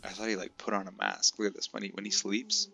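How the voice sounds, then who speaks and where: A young man giving casual, chatty let's-play commentary, excitable and talking straight to his viewers. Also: lowish voice, quick pace, gravelly, faint music behind. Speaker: gaming commentator.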